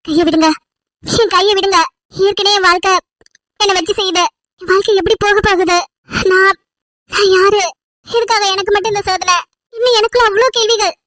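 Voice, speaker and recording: A woman's voice: extremely high pitch, steady tone, fairly quick, pauses often, fairly bright tone, no echo. A woman voicing a distressed young woman in a cartoon story, pleading and breaking into tearful outbursts. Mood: despairing. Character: distressed young woman Vennila, anguished and defiant.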